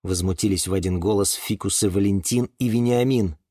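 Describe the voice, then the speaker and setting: A man narrating a children's audiobook in an expressive storytelling manner. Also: fairly low pitch, a little fast, dry recording, studio quality.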